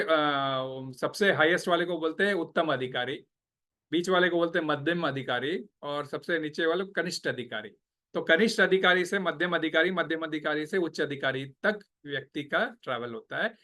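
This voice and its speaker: A man's voice: on the high side, moderate pace, pushed and bright. A man giving a devotional class and telling a temple story in a conversational way, mixing in English phrases and asking his listeners questions. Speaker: devotional speaker.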